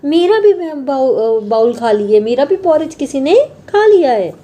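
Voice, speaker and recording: Woman voicing mama bear, storybook, raised and indignant, slow delivery. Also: high-pitched, very animated, mellow, pitched above the performer's own voice. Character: mama bear, adult female, upset.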